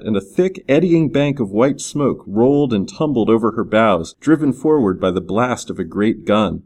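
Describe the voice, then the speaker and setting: Brief: a man reading an adventure story aloud, mid-range pitch, lively and varied delivery. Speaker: audiobook narrator. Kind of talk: scripted narration.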